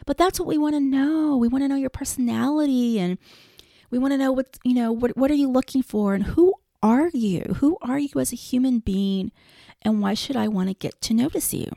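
A woman hosting a casual advice podcast, talking straight at her listeners. Her voice sits a little high, with a gravelly fry. She is blunt and profane, ranting freely. The sound is dry and close, with no room around it. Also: a little fast, dark tone, dry recording. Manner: direct address to listeners. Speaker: podcast host.

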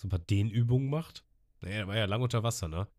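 A man hosting a podcast, casually recapping an episode in animated fashion and acting out characters. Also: fairly low pitch, quick pace. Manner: animated retelling, acting out characters, laughs a lot. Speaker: podcast host.

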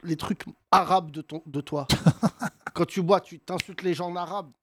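A man's voice: high voice, steady tone, normal speed, fairly bright tone, husky, no echo. A man hosting a comedy podcast, teasing his guests and laughing often. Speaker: podcast host. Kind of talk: casual comedic chat.

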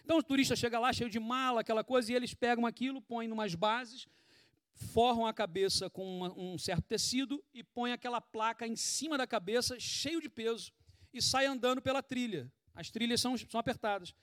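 A man with a Brazilian Portuguese accent preaching a sermon in a conversational, animated way, full of rhetorical questions, sweating as he speaks. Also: very high voice, fairly quick, dry recording, clean studio sound. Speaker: pastor.

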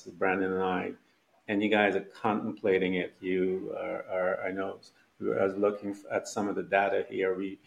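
A man's voice: deep voice, creaky. A man from Guyana hosting a podcast interview, speaking in an encouraging, motivational way. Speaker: podcast host.

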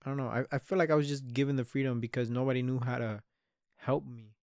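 Fast and fairly even in intonation, a man in his early twenties with a darkish mid-range voice hosts a reflective solo podcast. He's open and foul-mouthed, often losing the thread and beginning again, recorded in clean studio sound with no room noise.

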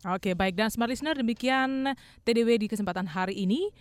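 Brisk woman hosting radio. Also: on the high side, no room sound, studio quality. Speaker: radio host. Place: radio studio.

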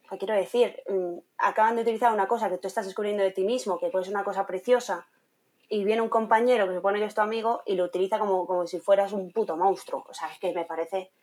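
Lively young woman telling a story. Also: medium pitch, fast talker. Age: young adult. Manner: animated, acts out quoted voices, laughs often. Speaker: guest, content creator and trainee teacher. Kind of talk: casual interview storytelling.

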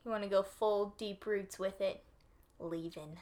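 A woman's voice: mid-range voice, level tone, moderate pace, darkish tone. A woman co-hosting a podcast, chatting casually, laughing often and using many fillers. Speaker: podcast co-host. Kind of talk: casual chat.

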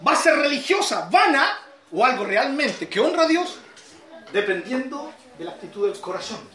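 A man with a Chilean accent, a pastor giving a sermon, swinging from quiet asides to shouted, emphatic peaks. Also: extremely high pitch, big pitch swings, moderate pace, roomy sound, distant mic. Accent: Chilean Spanish.

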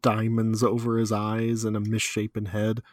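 A man's voice: on the low side, completely flat delivery, moderate pace, no room sound. A man co-hosting a podcast, chatting casually and teasing his co-host with dry humour. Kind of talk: casual chat about an anime.

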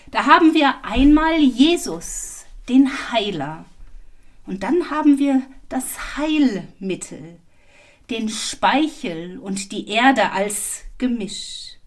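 A woman reading a gospel passage and giving a homily in a calm, reflective way. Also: a little high, recorded from a distance. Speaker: pastoral minister in a parish.

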